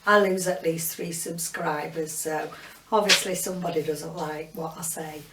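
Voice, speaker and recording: A woman's voice: low voice, steady tone, moderate pace. A woman with a Yorkshire accent chatting rambly about books in a casual vlog wrap-up, with lots of filler words. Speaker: book vlogger. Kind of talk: casual monthly book wrap-up. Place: home room with bookshelves behind her. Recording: roomy, distant mic, faint background hiss.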